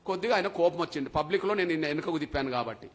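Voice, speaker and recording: A man's voice: on the high side, animated, rapid-fire. A man with a Telangana Telugu accent giving a public speech at a meeting, telling a story with passion and repetition. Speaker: speaker at a community leaders' meeting.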